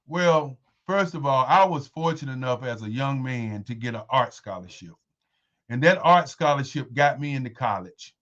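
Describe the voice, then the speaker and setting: A man's voice: mid-range voice, expressive, normal speed, fairly bright tone, lo-fi sound. A man in his sixties, a guest in a casual interview, talking in an emphatic, repetitive, insistent way. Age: 60s.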